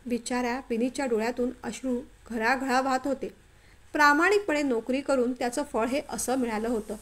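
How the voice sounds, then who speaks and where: A woman storyteller reading a family drama story aloud in an expressive, measured way. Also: sits high. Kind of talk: scripted story narration.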